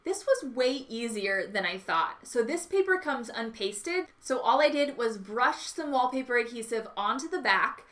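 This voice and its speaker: A woman's voice: a little high, animated, moderate pace, few pauses, fairly bright tone. A woman hosting a home makeover vlog with upbeat, enthusiastic, gushing DIY narration.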